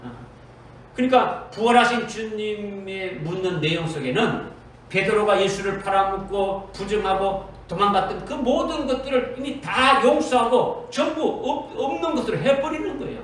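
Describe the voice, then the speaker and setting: A man's voice: sits high, animated, normal speed, fairly bright tone. A man preaching a sermon in a church, emphatic and repetitive, often quoting Jesus in direct speech. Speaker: pastor. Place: church sanctuary. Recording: echoey church hall from far off, faint noise.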